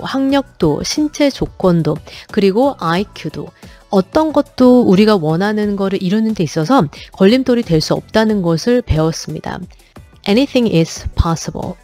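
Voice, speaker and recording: A woman teaching English pronunciation in a video lesson, explaining patiently and slowly repeating example words. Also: mid-range voice, darkish tone.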